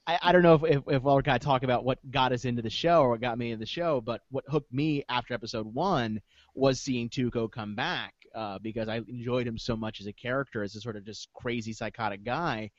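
A man's voice: medium pitch, dry recording, highs cut off. A man co-hosting a podcast, discussing a TV show casually, stumbling and repeating words as he gets going. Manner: halting, repeats words, eager. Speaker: podcast co-host.

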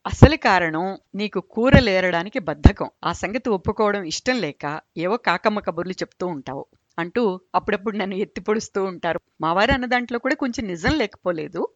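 A woman narrates amusing anecdotes in a relaxed, chatty way, with an amused edge. Her voice sits in a middle range. The recording sounds dull and dry, with no room echo. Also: mid-range voice, a little fast. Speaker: storyteller. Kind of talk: humorous storytelling narration.

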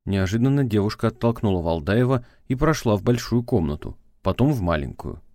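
Deep-voiced man reading an audiobook. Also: lively intonation, fairly quick, mellow, no room sound, studio quality. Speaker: audiobook narrator. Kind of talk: scripted audiobook narration.

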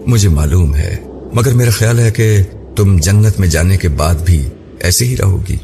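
Kind young husband, soft-spoken with a playful edge, read by a man; deep, noisy. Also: lively intonation, gravelly. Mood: gentle. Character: young husband, calm, gentle and teasing. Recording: noisy background hiss.

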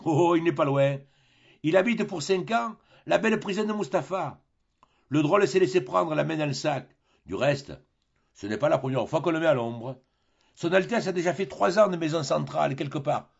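A man voicing a jovial, mocking male sea captain who talks in a loud, teasing, worldly way. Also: fairly high pitch, expressive, normal speed, gravelly, husky, lo-fi sound, pitched above the performer's own voice, full character voice.

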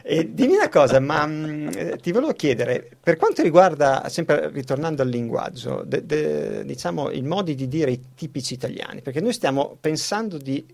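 A radio host chats animatedly in a studio, laughing often and restarting his sentences frequently in casual talk. His voice is on the high side and expressive, darkish in tone with vocal fry, running at normal speed with few pauses.

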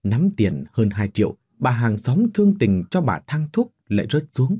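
A man narrating a dramatic story in an expressive reading style. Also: medium pitch, moderate pace, husky.

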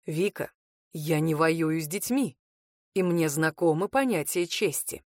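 A woman voicing a smug, teasing male lover in an audiobook, speaking low and slow. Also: lively intonation, no echo, clean studio sound. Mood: stern.

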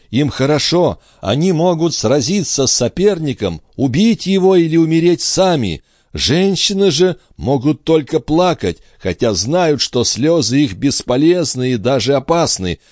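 A man's voice: medium pitch, darkish tone, no room sound, clean studio sound, pitched above the performer's own voice, close to an everyday voice. A man voicing an anguished queen in love in an audiobook, speaking in a breathless, pleading way. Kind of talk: audiobook character voice.

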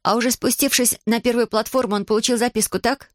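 A woman's voice: on the high side, quick pace, dry recording, studio quality, voice pushed up, lightly acted. A woman voicing a determined young orphan girl who stands up to her stepmother, speaking firmly and pointedly, read for an audiobook. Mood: defiant. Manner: firm, pointed and steady.

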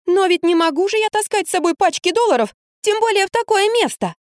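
A woman voicing an excitable young wife who plays the fool, exclaiming and indignant. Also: very high voice, quick pace, no room sound, studio quality, voice pushed up. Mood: agitated.

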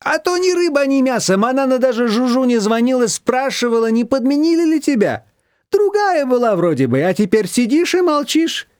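A man reading an audiobook, voicing an excitable, gossipy woman friend who squeals with laughter, in a much higher voice. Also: moderate pace, no echo, studio quality. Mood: teasing. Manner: shrill, gleeful, breathless with laughter.

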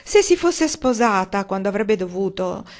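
A woman reading aloud, voicing a gruff, angry old uncle who grumbles loudly and indignantly. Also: medium pitch, big pitch swings, normal speed, natural voice.

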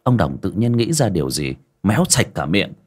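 A male storyteller tells a folksy tale. His voice is fairly low but rises and falls expressively. He gives every scene vivid colour. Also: big pitch swings, moderate pace.

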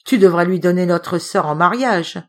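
A woman's voice: on the low side, moderate pace, natural voice. A woman voicing a scornful male forest bandit who speaks in rustic dialect. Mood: sneering.

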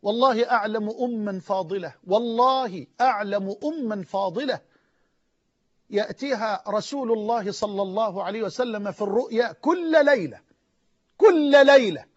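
A man with an Egyptian accent preaching an emotional sermon, swinging from near-shouts to low, hushed lines. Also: moderate pace. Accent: Egyptian Arabic. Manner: impassioned, rising to near-shouts and dropping low. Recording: dull lo-fi audio.

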